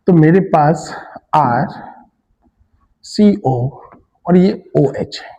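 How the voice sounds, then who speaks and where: A man's voice: a little high, drawn-out words, mellow, in a large hall, rough recording. A male chemistry teacher giving a classroom lecture. He mixes Hindi with English terms and keeps asking students questions, then answers them himself.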